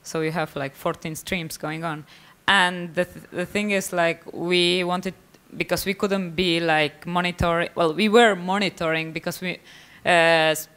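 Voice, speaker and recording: A woman from Estonia, giving a live conference talk in a halting way, full of fillers and restarts. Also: lowish voice, fairly even intonation, a bit bright. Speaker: conference presenter, artist.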